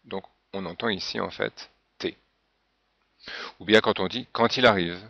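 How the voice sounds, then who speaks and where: A man's voice: low voice, fairly even intonation, unhurried, gravelly, breathy edge, no room sound. A man teaching a French pronunciation lesson, patiently spelling out example words one by one. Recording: dull, dry lo-fi recording.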